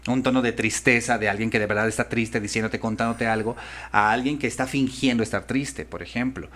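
A man who works as a voice-over artist and voice coach chats casually, speaking a little fast at medium pitch with a fairly bright tone. He sounds thoughtful and often restarts as he hunts for the right words.

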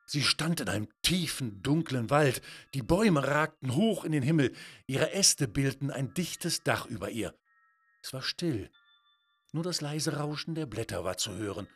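A man gently and expressively narrating a children's bedtime story. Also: medium pitch.

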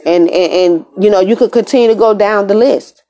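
This American podcast host speaks from an apartment room in a mellow, medium-pitched voice at a fairly quick clip. Her casual motivational monologue is conversational and emphatic, with frequent repetition of phrases for emphasis.

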